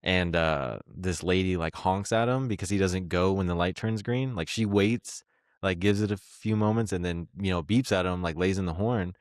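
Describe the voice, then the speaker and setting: A man's voice: low-pitched, moderate pace, dry recording, clean studio sound. A young man hosting a podcast in casual chat, laid-back and laughing often, swearing freely as he retells stories. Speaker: podcast host.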